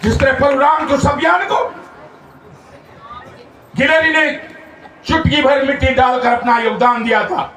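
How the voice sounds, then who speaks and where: A man's voice: very high voice, fairly even intonation, unhurried, pauses often, pushed and bright, a little hiss or hum. A man with a Garhwali accent giving a declamatory storytelling speech at a village Ramlila. He repeats phrases for rhythm. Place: outdoor village stage event. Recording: echoey distant PA sound with faint crowd.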